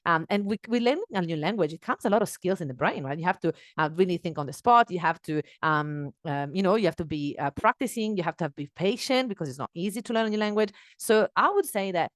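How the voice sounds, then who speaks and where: Hosting her solo podcast on a headset mic in a small home office, a woman in her thirties speaks English as a second language, fast and with hardly any pauses. Her lowish voice comes across earnest and animated, peppered with fillers and restarts. The studio-quality audio has no room sound.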